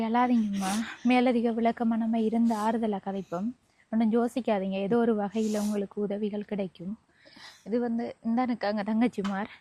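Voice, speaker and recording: A woman vlogger with a Sri Lankan Tamil accent, gently soothing and reassuring a family as she talks with them at their home. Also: on the high side. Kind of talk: casual conversational interview.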